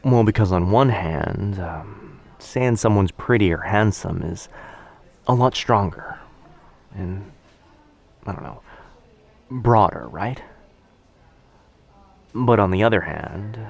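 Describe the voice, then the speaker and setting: In a boyfriend ASMR roleplay, a man plays a very shy, sweetly awkward young stranger overthinking his coffee-shop crush. He speaks softly, intimately and hesitantly, rambling in trailing phrases, sounding nervous and musing. His heavily acted, expressive delivery is fairly low-pitched and slow, with vocal fry and long pauses.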